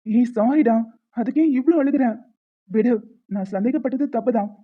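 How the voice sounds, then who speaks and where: A woman voicing characters in an animated story, talking in an earnest, reasoning way. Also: fairly high pitch, moderate pace. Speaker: narrator voicing the male lead and others. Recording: tinny phone-like sound.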